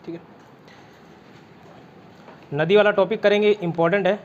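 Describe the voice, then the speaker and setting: High voiced chhattisgarh hindi guy teaching exam prep, chatty, lots of memory tricks, kinda dull lo-fi sound. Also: steady tone, moderate pace, slight background noise. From India. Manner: chatty, repeats "theek hai", quizzes students with mnemonics. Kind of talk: online exam-prep lesson.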